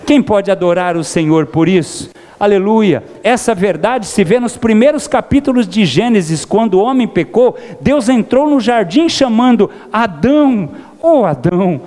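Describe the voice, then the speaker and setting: A man's voice: sits high, a little mellow. Preaching Brazilian man in a reverberant hall. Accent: Brazilian Portuguese. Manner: preacherly, calls out to the congregation. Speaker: pastor. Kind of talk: sermon. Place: church.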